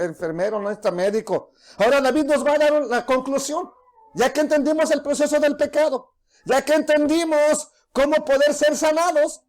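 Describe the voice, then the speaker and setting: Guy preaching, earnest, trips over words and starts again. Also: very high-pitched. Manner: earnest preaching with frequent restarts, acts out soft quoted voices. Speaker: pastor. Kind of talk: sermon.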